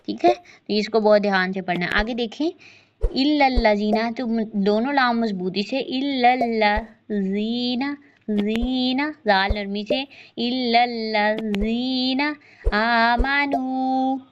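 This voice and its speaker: A woman teaching a tajweed lesson, chanting verses slowly and then explaining each sound briskly. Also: medium pitch, highs cut off, a little hiss or hum. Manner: slow drawn-out recitation between brisk explanations. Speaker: Quran recitation teacher.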